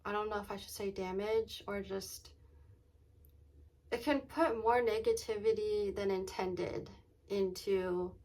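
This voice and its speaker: A woman chatting casually in a vlog, often saying "like" and "um" and pausing to think aloud. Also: medium pitch, steady tone, darkish tone. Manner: says "like" and "um" very often as filler; halting, thinking aloud, trailing off mid-sentence. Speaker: vlogger.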